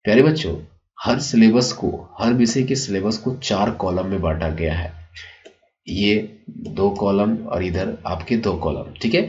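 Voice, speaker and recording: A man's voice: fairly low pitch, measured pace, a little hiss or hum. A male teacher walking students through a school syllabus, repeating checks like "okay" as he explains. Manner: repeats "ठीक है" and addresses children warmly, explanatory. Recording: dull lo-fi sound.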